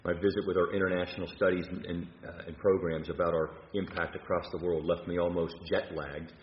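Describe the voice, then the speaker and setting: A man, a university leader, delivering a measured prepared speech with occasional fillers and restarts, from a podium in a large hall. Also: low voice, flat delivery, slight background noise. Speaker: university president. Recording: roomy, dull hall recording.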